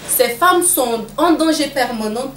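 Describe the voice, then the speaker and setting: A woman with a Malian French accent answers interview questions about women in politics as a guest. Her voice is high and fairly bright, with lively intonation and a measured pace, and she speaks earnestly and emphatically, repeating phrases for weight. The room is echoey, with faint background noise.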